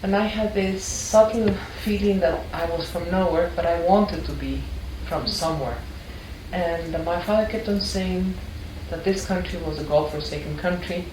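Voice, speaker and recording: In an echoey room with the mic set back and background noise, an older Ecuadorian woman shares her story in a personal interview. A longtime art history teacher, she speaks at normal speed in a lowish voice, earnest and reflective, often restarting.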